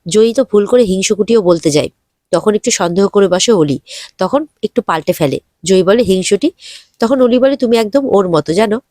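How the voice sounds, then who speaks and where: A woman's voice: medium pitch, animated, a little fast, dark tone, no room sound, studio quality. A woman narrating an episode recap, retelling the characters' lines with light emotion.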